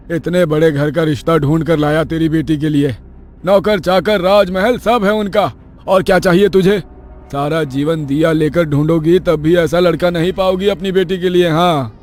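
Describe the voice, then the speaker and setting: A gruff, short-tempered village father in a cartoon, barking his words with a raised, higher voice, as the narrator puts him on. He sounds scolding and impatient. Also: moderate pace, soft background music, lightly acted.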